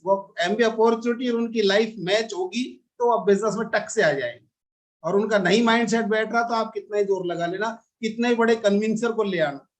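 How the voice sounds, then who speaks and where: A man giving a motivational business talk to a seminar audience, coaxing them along with frequent rhetorical tag questions. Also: sits high.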